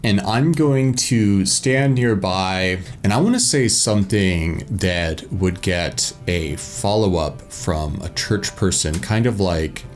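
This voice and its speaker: A man's voice: deep voice, lively intonation, slow, hardly any pauses, faint music behind. A man hosting a solo tabletop game, narrating his play casually and thinking aloud in informal language.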